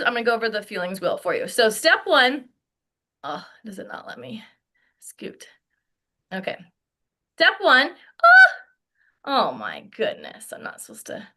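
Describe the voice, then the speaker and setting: Upbeat woman sales director, slightly high, bright voice, coaching a team. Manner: upbeat, acts out quoted feelings. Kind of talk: motivational team training talk.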